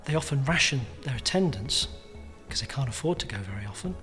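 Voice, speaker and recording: A man's voice: medium pitch, expressive, brisk. A man speaking as a charity spokesperson, formally explaining research findings. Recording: soft music bed behind the voice.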